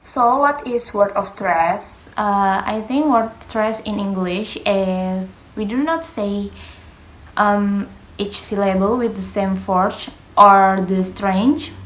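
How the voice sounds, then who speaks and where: Presenting a pronunciation lesson, this young adult female student speaks haltingly and at a slow pace, often falling back on filler words. Indonesian is her native language, and small grammar mistakes slip into her English. Her mid-range voice echoes in a reverberant room.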